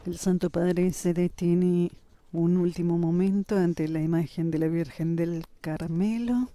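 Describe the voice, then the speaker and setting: A man's voice: sits high, steady tone, measured pace, dark tone, no echo. A man giving live broadcast commentary on a religious ceremony.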